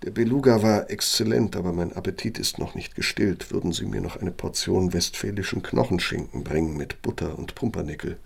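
In a German radio play, a male actor voices an aging architect with a Nazi past who justifies himself, in both monologue and dialogue. His low, gravelly, husky voice is fully in character, deliberate and emphatic, with a genial, boastful mood.

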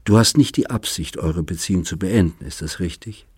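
Audiobook: reader doing a wounded, deliberate man, low and dry. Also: slightly rough, no room sound. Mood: measured. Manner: measured, precise. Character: earnest adult man, hurt and deliberate lover. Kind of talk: audiobook character reading.

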